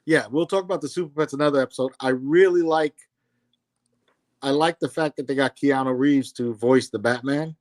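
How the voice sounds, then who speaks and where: A man's voice: medium pitch, normal speed, no echo. A man co-hosting a casual fan chat, opinionated and emphatic as he talks about comics and casting. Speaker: podcast co-host.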